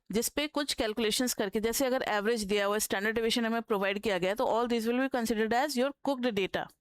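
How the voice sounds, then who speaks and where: Indian woman tutor, slightly high, crisp and dry close-mic sound, dictating slowly. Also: no echo. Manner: explains slowly, dictates notes word by word, asks students questions. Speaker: economics tutor. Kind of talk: online lecture.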